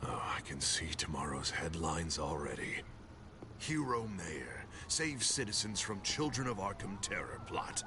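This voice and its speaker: A man's voice: low voice, very animated, a little slow, noisy background. A man playing a gloating, menacing corrupt mayor in a video game, mocking and theatrical. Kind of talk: dramatic video game voice acting. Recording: loud music behind the voice.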